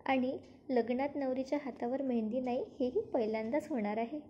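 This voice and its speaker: A woman's voice: high-pitched, fairly even intonation, fairly quick, close to an everyday voice. A woman voicing a teasing, mocking young woman in a spoken serial recap, in a slightly muffled recording. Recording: slightly muffled, faint noise.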